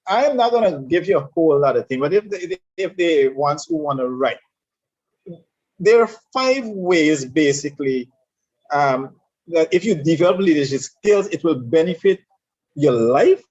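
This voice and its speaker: This man, a guest speaking on leadership, has a Caribbean English accent and a fairly high-pitched, slightly mellow voice. In a conversational discussion he lectures emphatically and repeats himself, and the sound quality is dull and lo-fi.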